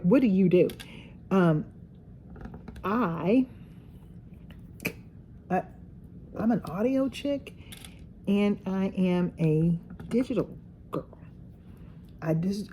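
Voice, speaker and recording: A woman's voice: lowish voice, dark tone, a little hiss or hum. A middle-aged woman chatting casually while crafting, a rambling storyteller with folksy phrases. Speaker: craft vlogger.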